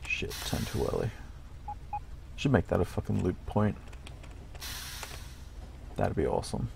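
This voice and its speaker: A middle-aged man giving casual gameplay commentary in a deadpan way, swearing lightly and muttering to himself. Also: sits low, measured pace, creaky, noisy background. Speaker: gaming channel host.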